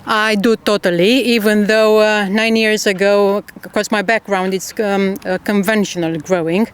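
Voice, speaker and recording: A man's voice: high voice, fairly even intonation, moderate pace, a little hiss or hum. A man with a Romanian accent, a farm manager, speaking hesitantly with many fillers in an interview.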